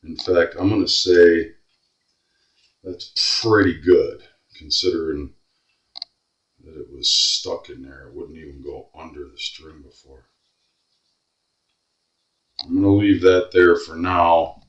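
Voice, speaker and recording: A man's voice: low-pitched, slow pace, pauses often, fairly bright tone, recorded from a distance. A man repairing a guitar at his workbench, muttering to himself and grumbling as he works. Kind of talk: workbench commentary. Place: workshop bench. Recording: echoey room, voice off-mic.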